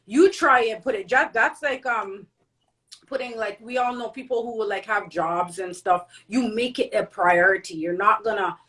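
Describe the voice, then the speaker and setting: A woman's voice: medium pitch, normal speed, a bit bright, poor audio. A woman in a casual chat who speaks earnestly and repeats her points for emphasis.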